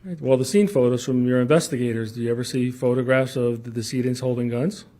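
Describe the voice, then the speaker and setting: Halting male lawyer in a courtroom recording. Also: medium pitch, fairly even intonation, dark tone. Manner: halting, repeats words, pressing questions. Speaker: defense attorney cross-examining. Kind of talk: courtroom cross-examination.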